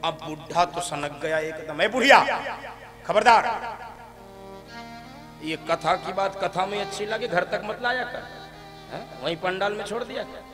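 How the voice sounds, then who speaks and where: A high-pitched man tells a devotional tale in a large echoing hall instruments playing behind him. He is animated and laughs often as he slips into the voices of the people in his story. The long reverb of the space hangs on each line. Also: normal speed. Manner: lively, acts out old couple and family with voices, laughing. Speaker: religious storyteller. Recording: echoey hall with music behind.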